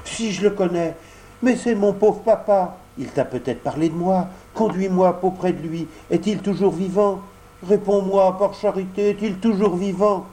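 Man doing Pinocchio, a high wailing puppet boy. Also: normal speed, dark tone, a little hiss or hum, close to an everyday voice, rough recording. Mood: eager, anxious. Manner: wailing, pleading, high-pitched. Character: grieving wooden puppet boy, impulsive. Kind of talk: audiobook character voice.

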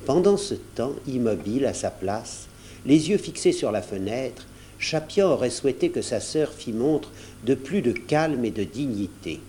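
A man narrating a children's storybook aloud in an expressive, varied storytelling manner. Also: mid-range voice, unhurried, a little hiss or hum. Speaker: audiobook narrator. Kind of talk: storybook read aloud from cassette.

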